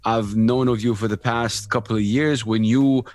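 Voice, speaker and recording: A man hosting a casual interview over a video call, animated and friendly, using Arabic greetings. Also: medium pitch, normal speed, soft background music. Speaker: podcast host.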